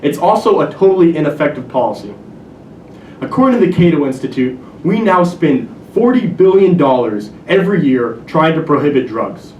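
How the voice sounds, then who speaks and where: Animated young man giving a persuasive speech. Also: normal speed. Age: 20s. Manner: earnest, argumentative with dry humor. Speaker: student contest speaker. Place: university lecture hall. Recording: echoey hall from far off with faint rumble.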